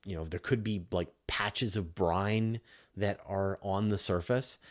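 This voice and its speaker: A middle-aged man with a Western Canadian accent, his voice sitting low in pitch. He talks through viewer questions in a loose, explanatory style, full of fillers, restarts and "you know". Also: darkish tone. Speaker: host answering live viewer questions. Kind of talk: live Q&A chat.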